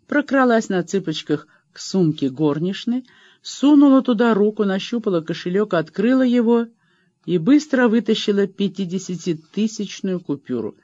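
A man narrating an audiobook in steady scripted storytelling. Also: high voice, no room sound. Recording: dry, slightly dull.

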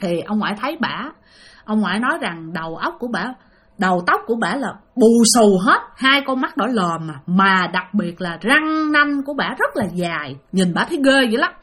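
A woman's voice: medium pitch, lively intonation, moderate pace, a bit bright, breathy edge. Chatty woman storyteller. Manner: chatty, addresses listeners directly. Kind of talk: spoken ghost-story narration.

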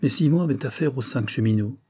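Male audiobook narrator, husky voice, mellow, measured storytelling. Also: mid-range voice. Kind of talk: scripted narration.

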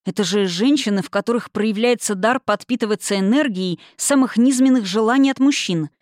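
A woman's voice: mid-range voice, brisk, darkish tone, no room sound, clean studio sound, close to an everyday voice. A woman reading a cocky young male student. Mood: cheeky. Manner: cheeky, unafraid.

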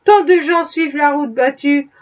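A woman reading the part of a sardonic middle-aged Southern gentleman, arguing in an ironic, worldly way. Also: high voice, lightly acted. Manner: ironic, worldly, unhurried argument. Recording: dull, distant-sounding audiobook recording.

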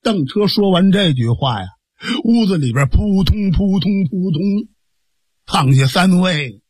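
A male storyteller with a high, husky voice narrating a traditional tale, lively and vivid with spoken sound effects. The recording is dry and close. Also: a little slow, no echo. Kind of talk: traditional Chinese storytelling (pingshu).

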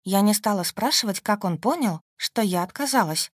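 A woman reading a first-person audiobook in a lively, intimate, wry way. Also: mid-range voice, normal speed, slightly rough, no room sound, clean studio sound. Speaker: audiobook narrator.

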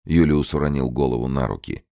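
Man, very low voice, gravelly, dry close sound, grave audiobook narration. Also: steady tone, fairly quick, warm tone, no room sound.

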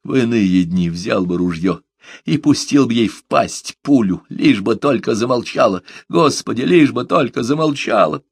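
A man's voice: medium pitch, lively intonation, normal speed, creaky, slightly rough, no echo. A man doing a quavering, fretful old man. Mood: agitated. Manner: quavering, plaintive, agitated. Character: fretful old bearded man, rambling and anxious.

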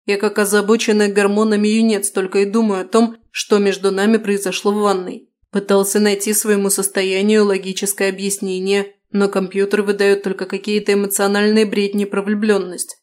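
A woman's voice: mid-range voice, flat delivery, brisk, few pauses, darkish tone, natural voice. A woman reading the lines of an anxious, normally composed male doctor in his late thirties, speaking in an agitated, pleading way. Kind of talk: audiobook dialogue reading.

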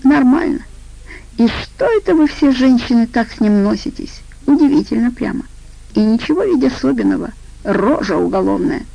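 A woman reading an audiobook voices a cowardly, fawning man with a squeaky, nervous, ingratiating way of talking. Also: expressive, normal speed, gravelly, dark tone, no room sound, dull audio, exaggerated voice.

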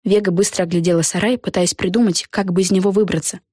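Husky woman narrating a children's book. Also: mid-range voice, steady tone, fast talker, darkish tone, no echo, studio quality. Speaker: audiobook narrator. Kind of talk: storybook narration.

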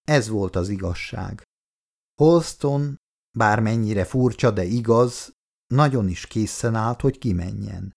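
Low gravelly male audiobook narrator.

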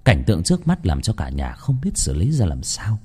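A man tells a first-person ghost story in a low, dark voice. His telling is lively, rising and falling with drama. A husky grain runs through it. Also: brisk.

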